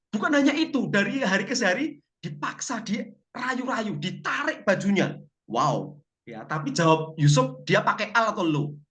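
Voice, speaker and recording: A man teaching a Bible language class, telling stories with jokes and asking the class questions. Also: high voice. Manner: lively storytelling, asks class questions.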